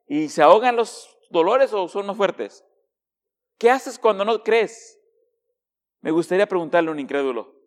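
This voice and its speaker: Man preaching a sermon, hushed to emphatic. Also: on the high side, big-room sound. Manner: swings between hushed, slow passages and raised, emphatic ones; asks the congregation direct questions. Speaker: pastor.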